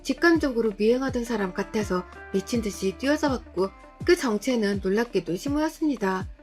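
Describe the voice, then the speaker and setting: A woman's voice: fairly high pitch, expressive, fairly quick, a little mellow, faint music behind. A woman narrating a scripted true story in an earnest, anxious way.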